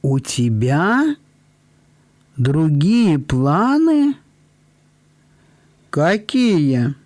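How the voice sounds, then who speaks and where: A man reading aloud, voicing a kindly, lonely elderly lady who speaks slowly and deliberately. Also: a little high, sing-song, a little mellow, no echo, exaggerated voice. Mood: surprised, assured. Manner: slow, deliberate, drawn-out speech.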